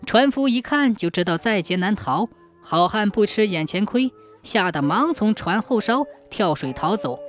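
A woman's voice: mid-range voice, expressive, normal speed, soft background music. A woman narrating a classic folk tale in a rhythmic, dramatic storytelling style.

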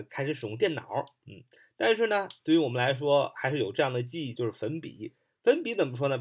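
A man with a husky edge to his voice runs a spoken English vocabulary lesson. His pitch swings widely as he explains, then slows to repeat words over and over and spell them out letter by letter.

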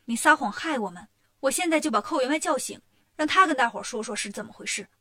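A woman voicing a bold, clever male monkey hero who talks in a brisk, confident way. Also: high voice, lively intonation, fairly bright tone.

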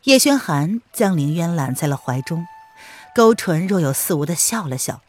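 A woman narrating an audiobook in an expressive storytelling read. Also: fairly low pitch, normal speed.

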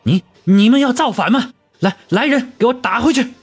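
A man's voice: lively intonation, moderate pace, breathy edge, soft background music, full character voice. A man voicing a panicked middle-aged male steward in an audiobook, stammering and crying out. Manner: stammering and shrill.

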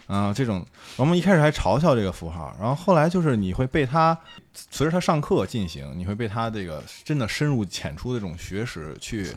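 A man's voice: mid-range voice, fairly quick. A young man, telling colloquial stories in casual chat. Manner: colloquial, energetic storytelling.

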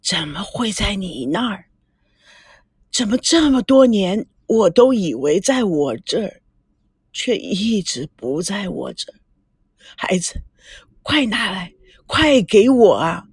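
A woman voicing an elderly grandfather, overcome with emotion, who speaks in hushed, halting, tearful bursts with a breathy, dry sound. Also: mid-range voice, very animated, no echo, exaggerated voice. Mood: pleading.

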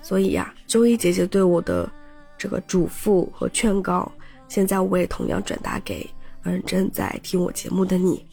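A woman's voice: fairly low pitch, very animated, normal speed, creaky, warm tone, soft background music. A woman podcast host chatting casually and caringly to listeners, her voice slightly cracked and shaky from a throat still recovering. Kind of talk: casual personal chat to listeners.

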